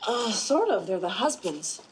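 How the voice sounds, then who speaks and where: A woman's voice: mid-range voice, sing-song, measured pace, a little hiss or hum. An actress playing a blunt, sarcastic woman investigator in a television drama. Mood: brisk.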